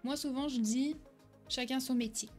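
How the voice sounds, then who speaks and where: A woman's voice: sits high, steady tone, moderate pace, a little mellow, faint music behind. A young woman giving a direct-to-camera tutorial as an online selling coach, talking energetically with frequent "ok?" check-ins and a few hesitations and self-corrections.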